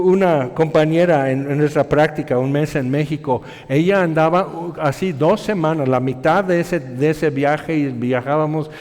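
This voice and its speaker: A man preaching a sermon, telling stories in an animated way and voicing other people in his quotes. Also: a little high. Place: church hall. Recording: long hall reverb.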